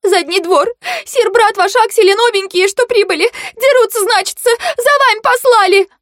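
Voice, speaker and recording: Squeaky frantic little maid, babbling, dry close audio. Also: female voice, normal speed, fairly bright tone, no room sound. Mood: panicked. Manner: shrill, frantic, breathless chatter. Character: young panicked serving girl. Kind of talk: audiobook character voice.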